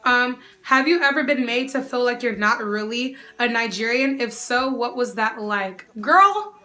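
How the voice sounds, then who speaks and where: At a measured pace, a young American woman banters with viewers straight to camera, answering their questions in a casual Q&A vlog. Sassy and animated, she often says "girl" to the viewer, her voice bright, ringing and sitting a little high.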